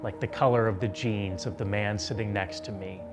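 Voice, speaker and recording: A man in his twenties, a TV reporter, narrating a personal story in a soft, reflective voice. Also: lowish voice, steady tone, moderate pace. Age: 20s. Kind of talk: scripted narration. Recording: narration over music.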